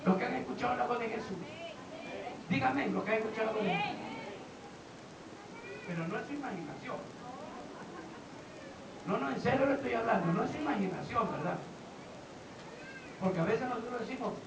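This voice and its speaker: A male pastor preaching a sermon. He questions his congregation and swings from low talk to shouting. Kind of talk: Pentecostal-style sermon. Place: church hall. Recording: roomy, distant, dull and noisy church recording.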